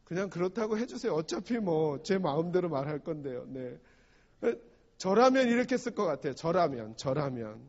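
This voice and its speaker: Korean-speaking pastor preaching in a hall. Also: male voice, fairly high pitch, sing-song, moderate pace, a little mellow. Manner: asks the congregation questions and acts out quotes. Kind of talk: sermon. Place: church sanctuary. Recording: dull sound with long hall reverb.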